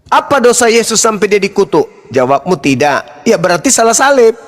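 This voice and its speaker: A man's voice: high-pitched, sing-song, brisk, fairly bright tone, slight background noise. A man debating faith on an online call, combative and mocking, repeating his questions and laughing at his opponents. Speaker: debater in an online interfaith discussion. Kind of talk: heated debate.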